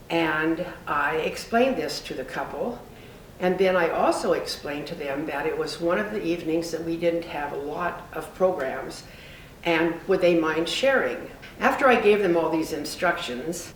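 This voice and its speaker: A woman volunteer usher telling a gently humorous anecdote in an interview. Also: on the low side. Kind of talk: storytelling interview. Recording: roomy distant noisy recording.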